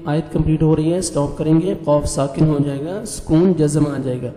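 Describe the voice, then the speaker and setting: A man teaching Quran recitation, spelling out letters and vowel marks, then chanting the words slowly and melodically with quick explanations in between. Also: on the high side, warm tone, reverberant, big-room sound, poor audio. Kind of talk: spelling out and reciting verses with tajweed rules.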